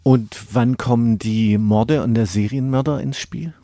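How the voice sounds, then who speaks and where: A male interviewer with a mellow, darker tone asks probing follow-up questions. His voice sits at a middle pitch. The recording is dry and close. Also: unhurried, no room sound.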